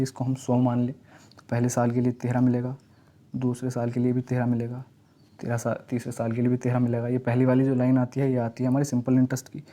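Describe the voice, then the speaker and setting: A man teaching exam math step by step, reading each question slowly and then explaining it. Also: mid-range voice, dark tone. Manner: explains step by step, often asks and answers himself; reads English question text slowly, then explains it in Hindi. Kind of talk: exam-prep math lesson.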